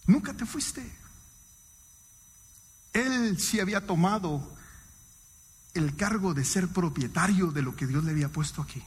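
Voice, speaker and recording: A man giving an emotional, emphatic sermon testimony to a congregation, his pitch swinging widely. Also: moderate pace, slightly rough. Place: church hall. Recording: long church hall reverb.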